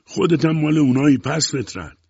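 Gruff old sea captain, as a man puts him on. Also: mid-range voice, sing-song, warm tone, no echo, voice pushed up. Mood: angry. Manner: gruff, angry barking. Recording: dull muffled recording.

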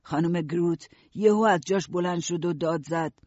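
Husky male audiobook narrator. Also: on the high side, no echo, dull audio. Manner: steady first-person storytelling.

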